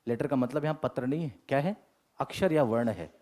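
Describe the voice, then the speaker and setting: A man's voice: mid-range voice, brisk, warm tone. A male English teacher giving a classroom lecture, mixing Hindi and English and asking the class rhetorical questions.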